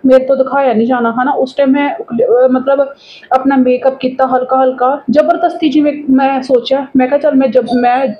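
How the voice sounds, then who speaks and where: A woman's voice: high-pitched, little pitch movement, a little fast, muffled recording. A woman vlogger with a Punjabi accent, chatting casually through her daily routine and often adding little tag questions. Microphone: phone camera.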